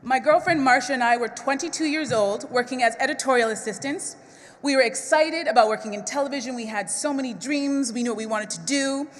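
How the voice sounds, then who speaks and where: Higher-voiced woman hosting in a reverberant hall. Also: a little fast. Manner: tearful, fighting back tears. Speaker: event host, TV co-host. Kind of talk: emotional event speech. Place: large event hall.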